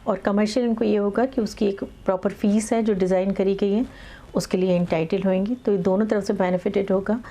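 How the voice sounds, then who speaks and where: Middle-aged female advocate, interview guest; measured, pause-filled delivery, warm and dark in tone. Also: medium pitch, fairly even intonation. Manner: measured, many filler pauses, mixes English legal terms into Hindi. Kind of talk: explaining in conversational interview.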